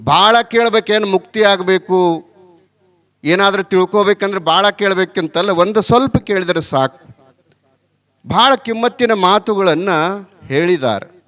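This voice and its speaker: A man's voice: sits high, unhurried, pauses often, a bit bright. A middle-aged man with a North Karnataka accent giving a folksy village sermon, chatty and often asking the crowd rhetorical questions. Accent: North Karnataka Kannada. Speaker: religious leader giving a blessing sermon.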